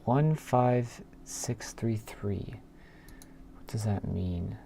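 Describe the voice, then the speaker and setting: Streaming while he codes, a programmer talks to himself in a fairly low, warm, creaky voice at a very slow pace. His casual thinking aloud comes as murmured asides, sighs and hums. Behind him, a keyboard clicks and clacks in a noisy room.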